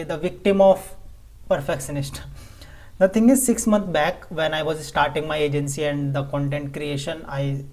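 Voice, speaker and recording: A vlogger from Delhi, India, a native Hindi speaker with an Indian English accent, talks casually to the camera. His fairly high-pitched voice has a darkish tone, and his delivery is halting, with frequent stumbles and restarted phrases.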